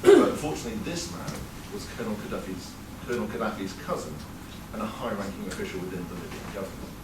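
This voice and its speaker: A man from England in his thirties talks fast in a lowish voice, telling a wry personal story to a live audience with plenty of fillers. He is performing at a venue, and the recording is roomy, with a far-off mic and a noisy background.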